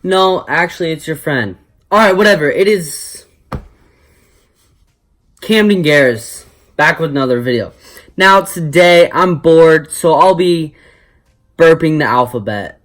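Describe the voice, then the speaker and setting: A man's voice: fairly high pitch, lively intonation, measured pace, long pauses, a bit bright. A young man rambling casually to his viewers in a jokey, self-deprecating, stop-start way, like a vlogger.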